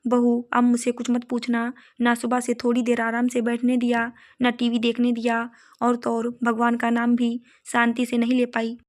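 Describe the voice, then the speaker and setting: A woman's voice: on the high side, completely flat delivery, normal speed, natural voice. A woman voicing a strict, controlling middle-aged mother-in-law in a storybook tale, speaking in a scolding, bossy way. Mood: exasperated.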